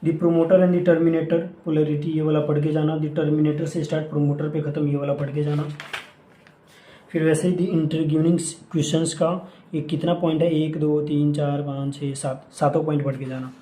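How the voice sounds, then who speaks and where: A man's voice: fairly high pitch, flat delivery, moderate pace, dark tone, slight background noise. Young man teaching with repetitive urgency. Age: young adult. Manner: mixes English phrases into Hindi speech. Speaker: exam coaching teacher. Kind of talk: casual exam-prep lesson. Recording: echoey room.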